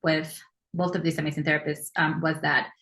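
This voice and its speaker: A Mexican woman whose first language is Spanish speaks reflectively as a therapist on a panel, with a Mexican Spanish accent and frequent "um" pauses. Her voice is low and her delivery flat, though the tone comes across bright and forceful. The room gives a noticeable echo.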